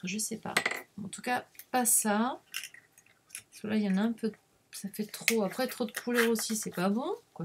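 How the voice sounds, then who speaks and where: A woman's voice: fairly high pitch, noisy background. A middle-aged woman with a French accent chatting casually through a crafting tutorial, jokey and self-deprecating, dropping "hein" and fillers as she works. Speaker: craft video host. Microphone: webcam mic at the desk.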